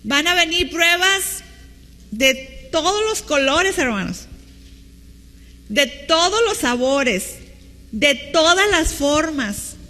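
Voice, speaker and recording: A woman's voice: sits high, expressive, slow, long pauses, sharp tone, in a large hall. A woman pastor with a Mexican Spanish accent, preaching a teacherly sermon and asking the congregation questions. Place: church hall with long reverb.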